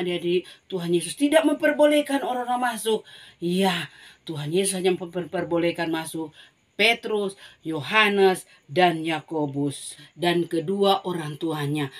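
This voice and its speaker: A woman with a Manado Malay accent teaching a Bible story to children, telling it in an animated way with frequent exclamations and repeated key phrases. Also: on the low side. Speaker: Sunday school teacher.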